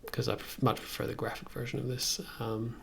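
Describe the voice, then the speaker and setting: A brisk, completely flat delivery marks this man in his thirties, whose medium-pitched voice sounds gravelly and creaky. He talks casually and hesitantly while working on a music production livestream, thinking aloud. Faint noise and keyboard and mouse clicks are audible.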